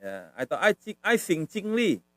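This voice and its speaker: This language teacher's high, a bit bright voice moves at a measured pace with a sing-song lilt, recorded dry. In his casual live-stream lesson he repeats things patiently and slips "ya" onto almost every phrase.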